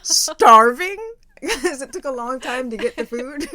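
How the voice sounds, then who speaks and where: A woman hosting a podcast, telling a story in a casual, animated and profane way, laughing as she goes. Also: sits high, normal speed. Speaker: podcast host.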